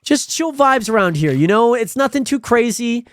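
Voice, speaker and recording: A man's voice: normal speed, no echo. A man in his twenties from the Pacific Northwest, streaming and chatting casually with viewers in a rambling, friendly way. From Spokane, Washington. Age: 20s. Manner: rambling, friendly, animated with sudden high pitch jumps. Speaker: livestreamer. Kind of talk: casual stream chat reading viewer comments.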